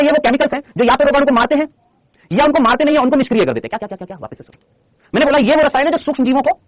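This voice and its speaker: Animated, rapid-fire male teacher. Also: very high voice, no room sound. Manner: chatty, teasing, addresses students as brother and child. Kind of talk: live online class lecture.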